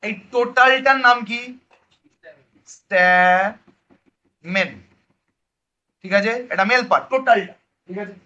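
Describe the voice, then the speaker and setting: High-voiced man teaching biology. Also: a little fast, sharp tone. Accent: Bengali. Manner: quizzing students and answering his own questions; mixes English terms into casual speech. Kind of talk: online class lecture. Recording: dull lo-fi recording.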